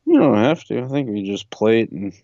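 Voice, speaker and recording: A man co-hosts a podcast and rants casually, swearing as he goes. His voice sits a little low. The recording is dull and lo-fi, with a dry sound. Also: animated, fairly quick, dark tone, dry recording. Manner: ranting, swears freely. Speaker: podcast co-host.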